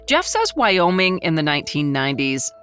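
Woman, podcast narrator, low voice, lively intonation, scripted storytelling. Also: moderate pace, faint music behind.

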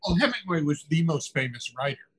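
An older man, an author guest in an interview, telling stories in a reflective, musing way with frequent soft chuckles and trailing fillers. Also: on the high side, sing-song, brisk, slightly rough, rough recording.

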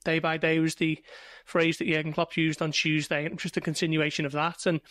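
A man's voice: on the high side, completely flat delivery, fast talker, a bit bright, dry recording, clean studio sound. A man on a football podcast, giving news in a chatty way with frequent restarts. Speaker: football journalist panelist. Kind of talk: casual football podcast chat.

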